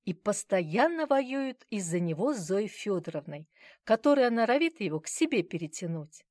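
A woman's voice: mid-range voice, sing-song, normal speed, a little mellow, dry recording, close to an everyday voice. A woman reading an audiobook voices a poised young mother who speaks coolly and with self-assured, dry amusement.

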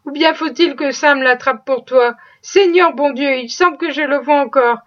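A woman voicing a sly, boastful male stable hand who exclaims loudly and plays innocent, in a storybook reading. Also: sits high, moderate pace. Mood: gleeful. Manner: exclaiming, mock-innocent, excitable. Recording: dull lo-fi recording.

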